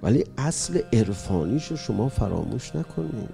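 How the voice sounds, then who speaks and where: A man preaching an emotional mourning sermon, swinging between loud cries and hushed tones. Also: mid-range voice, big pitch swings, vocal fry, faint music behind.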